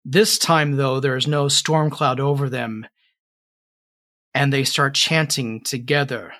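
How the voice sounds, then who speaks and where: A young man running a tabletop game as game master, narrating slowly and dramatically with playful asides. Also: medium pitch, fairly even intonation, bright, forceful tone.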